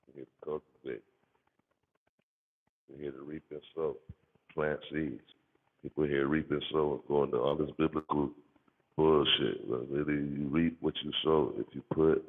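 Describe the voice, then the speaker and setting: A very deep, gravelly-voiced American man hosts a livestream, chatting in rambling, slangy fashion and repeating phrases to drive points home. The mic has its bass turned up, and the recording is muffled and narrow-band with boomy hall reverb.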